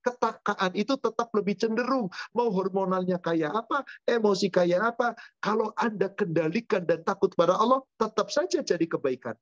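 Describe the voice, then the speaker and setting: A man with a high voice speaks at a moderate pace as an Islamic teacher in a religious study session. He answers questions using rhetorical questions and spoken lists. The lo-fi recording is dull and dry, with no echo.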